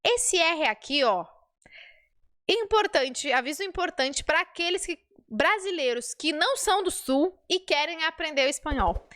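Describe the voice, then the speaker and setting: A woman from southern Brazil with a southern Brazilian accent, teaching pronunciation and repeating sounds and words slowly for the learner. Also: sits high, expressive, a bit bright. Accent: southern Brazilian Portuguese. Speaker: Spanish teacher. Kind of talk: pronunciation lesson.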